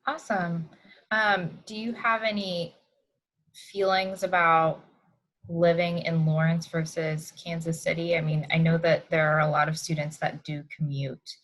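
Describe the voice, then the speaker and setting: A woman's voice: sits low, flat delivery, a little slow, a bit bright. A woman hosting an interview, prompting the guests in a friendly, upbeat way.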